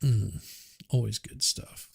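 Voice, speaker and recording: A man with a fairly low, gravelly voice and a breathy edge chats casually on his livestream, muttering as he tweaks the audio on an inexpensive USB mic without rushing. There's no room sound, and the audio is studio quality.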